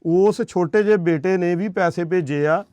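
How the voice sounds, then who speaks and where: This man's voice sits high and sounds a little mellow, at an ordinary pace, with no room sound. He's a charity worker giving aid money to a family, speaking earnestly on camera, reassuring them, preaching a bit, and frequently asking short questions to check.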